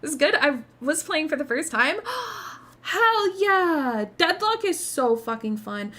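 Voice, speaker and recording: A woman livestream host chatting casually with viewers in a cute, bubbly anime-streamer manner, excitable and gushing, with casual swearing. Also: high voice, unhurried.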